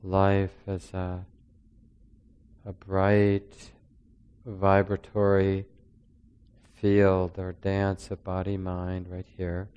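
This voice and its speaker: A man leading a guided breathing meditation in a slow, soft-spoken, calming way. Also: low-pitched, clean tone, highs cut off. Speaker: meditation teacher.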